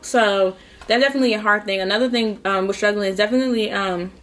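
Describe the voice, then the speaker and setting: Young female vlogger, mid-pitched, informal confiding chat to camera, clear background music. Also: fast talker, fairly bright tone. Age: young adult. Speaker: mukbang vlogger. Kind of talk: casual chat to camera giving personal advice.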